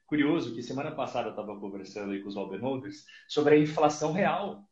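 A fast-talking man in his thirties with a medium pitch and a Brazilian Portuguese accent guests as an investment analyst on a casual podcast interview. He tells stories animatedly, acting out dialogues, from a small purple-lit room. He's on a headset over a video call, and the audio is echoey and lo-fi.

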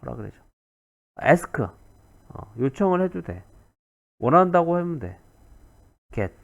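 Animated man teaching grammar, lo-fi. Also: a little high, slow, gravelly. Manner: animated, repeats key words, asks 그죠 often. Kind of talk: recorded grammar lecture.

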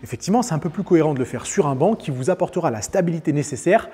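A male fitness coach talks through exercises at a rapid clip, upbeat and explanatory. His voice sits a bit high for a man, with a dark, mellow color and a slightly husky edge. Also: animated. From France. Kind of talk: fitness tutorial with sponsor read.

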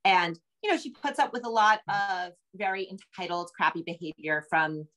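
A middle-aged American woman with a lowish, slightly bright voice speaks at a moderate pace. She's a novelist and screenwriter appearing as an interview guest over video call from a home room lined with bookshelves, chatting casually in a rambling, self-deprecating way.

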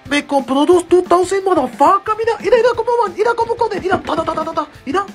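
A man plays a shrill, bratty kid in a comedy sketch, whining and bragging in a high, gravelly voice. Soft music plays underneath. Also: normal speed. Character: bratty spoiled young boy, whiny and boastful.

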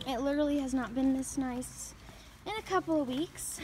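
A woman's voice: sits high, moderate pace, a little mellow, a little hiss or hum. A young woman vlogging in casual chat, upbeat and chatty with lots of fillers, filming herself on a handheld camera. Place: outdoors walking, then store aisles.

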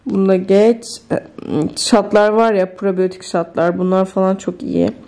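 A woman's voice: mid-range voice, fairly even intonation, measured pace, vocal fry, warm tone. A woman chatting casually in a home vlog, thinking aloud and easily amused, with faint music behind her. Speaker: vlogger. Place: home kitchen.

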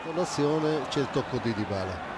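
A man works as second voice on a football broadcast. He adds short bits of analysis at a middle pitch. Loud stadium noise surrounds his voice. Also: animated, normal speed. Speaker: football co-commentator. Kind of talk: match analysis.

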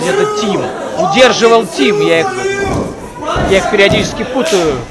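A man giving live play-by-play as a wrestling commentator, breaking from hesitant analysis into excited exclamations. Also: high-pitched, moderate pace. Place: indoor wrestling event hall. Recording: noisy live arena, crowd behind. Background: crowd noise.

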